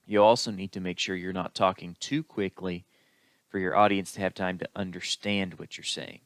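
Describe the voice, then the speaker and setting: A man giving a recorded lecture as an instructor, explaining in an unhurried way with the odd filler. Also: low voice, fairly even intonation, no room sound.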